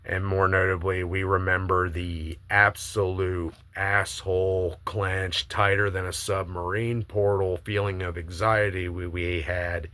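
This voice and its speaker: A man with a very low, forceful voice eagerly pitches a movie idea. He talks in a casual, emphatic monologue like a video host sharing strong opinions, swearing freely. The sound is close and dry. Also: little pitch movement, unhurried, hardly any pauses, no room sound.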